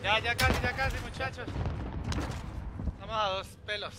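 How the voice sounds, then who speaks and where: A male streamer chatting casually with his teammates, making excited, quick callouts during a match. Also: very high voice, heavy background noise. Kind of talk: casual gaming stream chat. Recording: voice over loud game gunfire.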